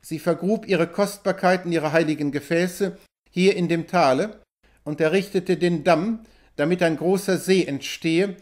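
A clever frontier hunter from an adventure audiobook, read by a man, who lays out his thoughts calmly and in a measured way. His voice sits a little high. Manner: calm, measured reasoning.

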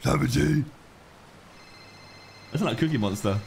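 A man's voice: mid-range voice, a little slow, gravelly, darkish tone, slight background noise. A man joking and teasing his friends in casual in-character roleplay banter. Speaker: streamer roleplaying in a game.

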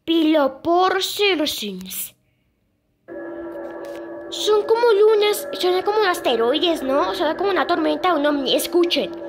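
Very high-pitched girl presenting sounds. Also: expressive, soft background music. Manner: halting, repeats "escuchen" and "o sea". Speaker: video creator presenting moon sounds. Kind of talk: casual narration over sound clips.

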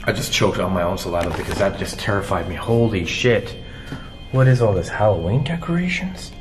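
A man's voice: low-pitched, big pitch swings, quick pace. A man in his thirties talking casually and nervously to a handheld camera as he explores, exclaiming and reacting aloud to what he finds. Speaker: vlogger exploring a haunted jail. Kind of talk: casual first-person exploration vlog. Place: empty old jail cells and corridors, indoors. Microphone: handheld camera at arm's length. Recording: echoey bare rooms with music underneath. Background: music.

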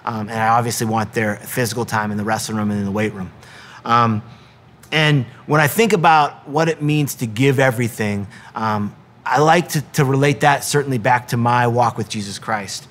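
A middle-aged man, a wrestling coach, speaks earnestly in a devotional talk at an ordinary mid pitch. He keeps pausing on ums and restarting his sentences. Now and then he slips into the voices of the people he quotes. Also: fairly bright tone.

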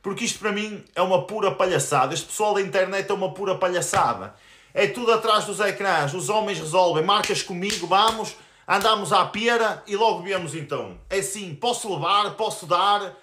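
A man's voice: sits high, expressive, a little fast, pushed and bright. A man in his twenties with a European Portuguese accent, ranting angrily and crudely on a live stream as a YouTuber. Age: 20s. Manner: angry, crude, confrontational. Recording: roomy echo.

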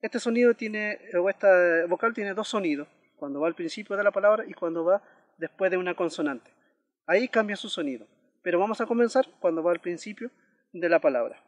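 A man's voice: sits high, fairly quick, big-room sound, highs cut off. A man giving a language lesson, patiently repeating example words one by one and checking in with listeners, with frequent hesitations. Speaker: language teacher.

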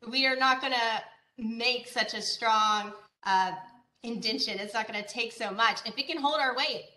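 Bright-voiced woman presenting online. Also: fairly high pitch, moderate pace, echoey room. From Georgia, USA. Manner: conversational, with frequent fillers and rhetorical questions. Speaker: agricultural educator. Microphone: video call.

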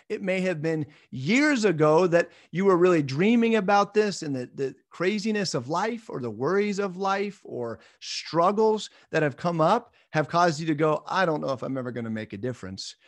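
A man's voice: fairly high pitch, animated, moderate pace, hardly any pauses, no echo. A man in his thirties giving a recorded midweek Bible lesson from a small room at home, speaking earnestly and encouragingly and laughing off his own slips. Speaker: church minister.

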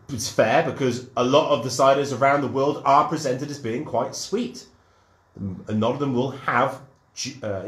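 In an echoey room, a medium-pitched British man hosts a live online cider tasting. He greets viewers and talks enthusiastically, full of ums and restarts, in a chatty tutored-tasting style.

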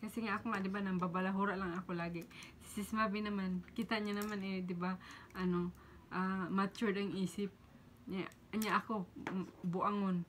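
A middle-aged woman chatting to her viewers with animated energy. She keeps breaking into laughs and puts on her friends' voices as she tells the story. There is a faint hum of background noise. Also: mid-range voice, moderate pace. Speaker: vlogger. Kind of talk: casual storytelling.

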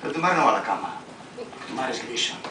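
A man performing a stand-up comedy monologue, telling jokes with a lively delivery and bursts of shouted impressions. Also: medium pitch, quick pace, noisy background. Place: stage with a laughing audience. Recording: echoey live room from a distance, loud ambience.

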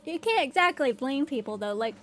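A woman's voice: high-pitched, expressive, a little fast, a little hiss or hum. A woman streaming a game, chatting casually with her viewers, giggling often and greeting them by name. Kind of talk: casual livestream gameplay chat.

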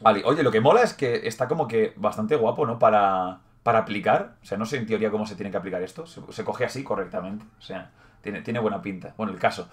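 Young man, Spain Spanish accent, casual hobby vlog, rambling, self-correcting, mild swearing, mid-pitched. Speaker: channel host.

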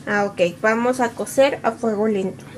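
A woman's voice: on the high side, steady tone, normal speed. Chatty Mexican woman hosting a cooking vlog. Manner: chatty, asks questions and relays steps to viewers. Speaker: vlog host. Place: home kitchen. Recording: noisy home recording.

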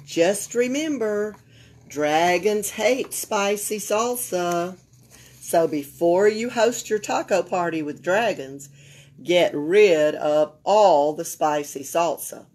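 Her lowish voice is a little mellow and slightly raspy, carrying a Southern US accent from Alabama. This older woman, a library storyteller at a library table indoors, reads a children's picture book expressively, stopping at times to address her young listeners.

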